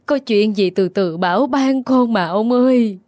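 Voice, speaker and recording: A man's voice: high-pitched, moderate pace, husky, no room sound, studio quality, voice pushed up. A man voicing a distraught middle-aged mother who begs and comforts her daughter through tears. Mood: begging. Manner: tearful, imploring, soft-hearted. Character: anxious middle-aged mother, tearful and pleading.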